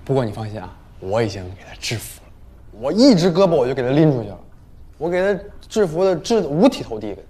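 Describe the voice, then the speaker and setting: A man's voice: mid-range voice, sing-song, fast talker, warm tone, breathy edge. An actor playing a boastful, easily flustered young man in a TV drama. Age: young adult. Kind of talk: TV drama acting. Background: music.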